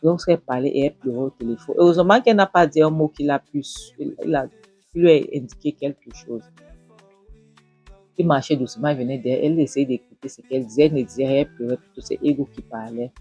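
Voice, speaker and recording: Husky-voiced woman recapping a film. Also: rumbling low, a little fast, dark tone, lo-fi sound, soft background music. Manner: chatty, addresses viewers as "my loves", repeats phrases. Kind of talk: retelling a film with commentary.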